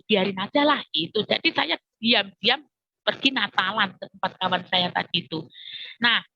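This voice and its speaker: A woman's voice: on the high side, sharp tone. A woman with a Javanese accent telling her life story as a testimony, acting out the voices of people in it. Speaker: testimony speaker. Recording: dull lo-fi recording.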